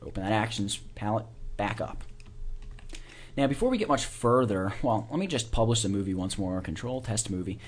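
Man talking through a software tutorial. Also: on the low side, sing-song, normal speed. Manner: informal, talks through each click and keystroke as it is done. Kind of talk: casual step-by-step screencast tutorial.

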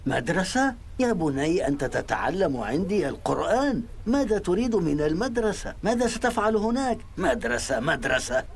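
A man's voice: medium pitch, very animated, normal speed, vocal fry, slight background noise. An actor playing a stern, weary village father in a film drama, questioning and scolding. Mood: irritated, dismissive.

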